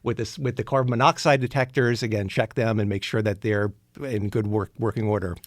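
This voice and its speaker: A man's voice: on the low side, steady tone, brisk, no echo. A man co-hosting a radio show, giving practical home maintenance advice in a casual way, often restarting his sentences. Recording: dry studio sound.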